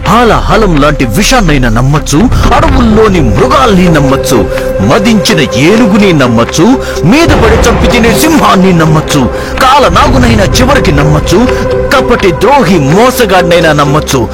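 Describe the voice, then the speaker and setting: A man's voice: high-pitched, very animated, moderate pace. A man voicing a heartbroken old grandfather in a dubbed film, giving dramatic, preachy speeches. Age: older. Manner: dramatic, preachy speeches with sing-song swings. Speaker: film character in a dubbed movie. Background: loud film music.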